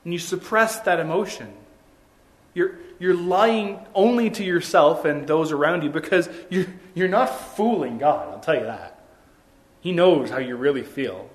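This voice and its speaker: A young man preaching a sermon in a conversational, earnest way, with quick asides and restarts. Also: on the high side. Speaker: pastor.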